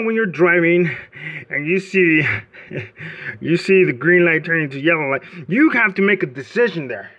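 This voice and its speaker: A man's voice: high voice, highs cut off. A man in his late forties hosting a mock radio show from home, rambling and joking in a loose comedic monologue. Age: 40s. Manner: rambling, joking, often laughing. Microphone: phone.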